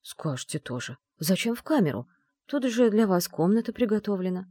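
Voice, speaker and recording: A woman voicing a kind, aging male servant in a storybook, speaking gently. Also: medium pitch, sing-song, moderate pace, slightly rough, dry recording, voice pushed up. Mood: gentle.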